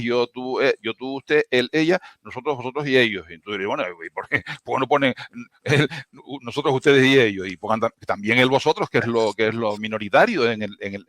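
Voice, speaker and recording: Speaking from a video-call panel, this Tenerife-born linguistics professor makes his case emphatically with a Canarian Spanish accent, peppering it with tag questions and frequent restarts. The voice is mid-range and fairly bright, with no room sound.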